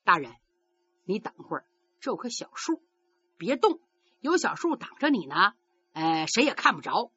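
A woman voicing a clever, careful male retainer who speaks in a hushed, reassuring way. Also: on the high side, breathy edge, dull audio, full character voice.

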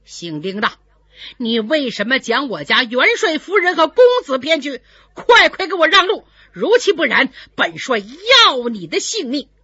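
A hot-tempered male general blusters and hurls threats, played by a woman storyteller. The voice is bright and forceful, with wide swings of pitch. The recording is dull and lo-fi. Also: very animated, a little slow, breathy edge, no room sound, full character voice. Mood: angry.

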